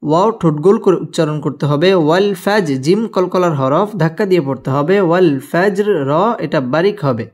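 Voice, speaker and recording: A man teaching Quran recitation letter by letter, spelling out each sound, chanting the verse slowly, and explaining the recitation rules in plain speech. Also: on the high side, a little mellow. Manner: gives tajweed rules in quicker plain speech between recitations.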